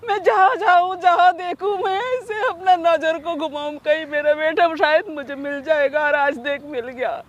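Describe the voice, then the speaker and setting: A woman's voice: very high voice, steady tone, moderate pace, hardly any pauses. A woman acting as a middle-aged mother in a drama skit, crying as she keeps repeating her questions to her son. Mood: tearful. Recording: dull lo-fi sound.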